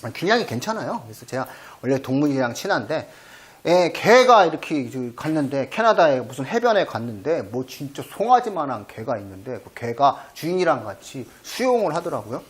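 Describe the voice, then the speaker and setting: A man's voice: medium pitch, fairly quick. A middle-aged man hosting an education channel, talking casually and acting out his own lines with gusto. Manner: lively storyteller, acts out his own lines to cats. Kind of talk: casual explanatory talk.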